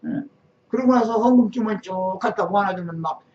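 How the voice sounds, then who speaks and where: A woman's voice: medium pitch, brisk, darkish tone, slight background noise. A woman preaching a sermon in an emphatic, sarcastic manner, firing off rhetorical questions. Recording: dull lo-fi recording.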